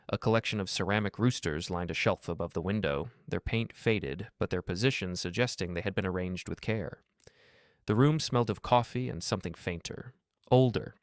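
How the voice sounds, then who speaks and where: Narrator, male, low register, dead-dry read, steady measured storytelling. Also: no room sound. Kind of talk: scripted narration.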